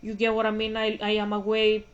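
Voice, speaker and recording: This Greek vlogger, 25 and a native Greek speaker, chats in English straight to her viewers, rambling and cutting herself off in casual commentary. She talks fairly quickly in a medium-pitched, monotone, clean voice, though the recording sounds muffled.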